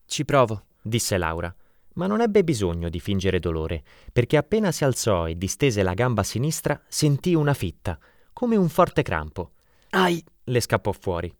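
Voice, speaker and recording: Man, audiobook narration, lively melodic delivery, dry close recording. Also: on the low side, normal speed, no echo. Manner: expressive, dramatic reading.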